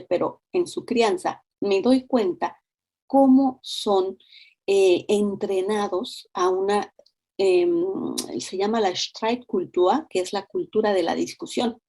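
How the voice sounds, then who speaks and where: A middle-aged woman with a Mexican accent appears as an interview guest, explaining things in an expressive, conversational way and acting out examples. Her voice is mid-range.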